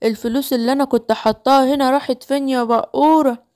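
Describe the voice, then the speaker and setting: A woman's voice: sits high, fairly even intonation, quick pace, a little mellow. A woman with an Egyptian Arabic accent telling a children's story, speaking as a mother in a scolding, coaxing way.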